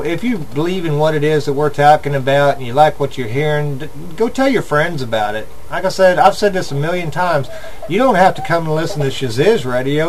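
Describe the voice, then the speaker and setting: An older man with a fairly high-pitched voice and an Appalachian hillbilly accent. He chats as a radio host in a folksy, earnest, philosophizing ramble. There is some faint noise on the home recording. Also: poor audio. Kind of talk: casual chat.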